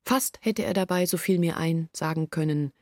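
In a German literary radio drama, an actress plays a troubled young woman who recounts her family's long hardship in an earnest, weary monologue. Her low, slightly mellow natural voice moves at a moderate pace through long, reflective sentences. The clean studio recording has no echo.

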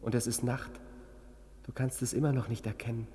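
A man's voice: medium pitch, little pitch movement, brisk, dark tone, in a large hall, lightly acted. A man playing a troubled young man held in a sanatorium, intense and bitter toward his doctor in a German radio play. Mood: haunted. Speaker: patient confined to a sanatorium.

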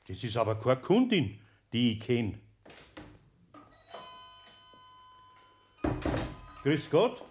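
An older man with a Bavarian accent playing a kindly, patient master carpenter in a radio play, with gentle, folksy speech. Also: medium pitch, sing-song, moderate pace, lightly acted. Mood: chatty.

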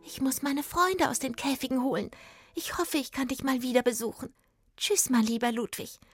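Storybook fairy, tiny, breathless and high-pitched, played by a woman reading aloud. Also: moderate pace, breathy edge, no echo, faint music behind. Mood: happy. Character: tiny frightened young female fairy.

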